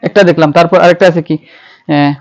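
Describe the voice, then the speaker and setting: A man with a Bangladeshi accent teaches English grammar in a classroom-style lecture, speaking fast in a steady, somewhat high voice. He poses questions and answers them himself, spelling words out letter by letter, on a slightly dull, lo-fi recording.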